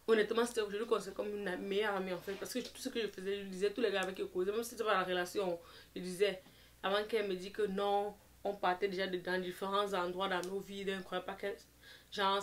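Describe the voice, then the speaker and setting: A young woman recounts a story in a loose, chatty storytime manner. She slips English phrases into her talk and keeps reaching for fillers. Her voice sits at an ordinary middle pitch. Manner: leans on fillers like "genre" and "et tout et tout". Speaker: vlogger telling a story. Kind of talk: casual storytime.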